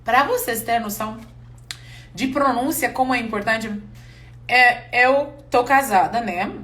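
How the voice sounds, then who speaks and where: High-voiced chatty woman teaching English. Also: unhurried. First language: not Portuguese. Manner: chatty, candid, expressive. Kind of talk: live online class.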